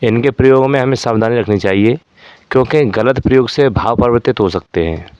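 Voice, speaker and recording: A man's voice: mid-range voice, brisk, darkish tone, smooth, dry recording, dull audio. A man teaching a Hindi grammar lesson for exam preparation, explaining step by step with repeated examples.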